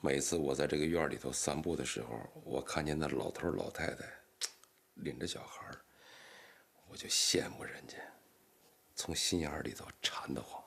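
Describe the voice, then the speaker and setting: An actor playing an older man, an anxious father who longs for grandchildren, lamenting and sometimes shouting. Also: rumbling low. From Northeast China. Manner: lamenting, bursts into angry shouting.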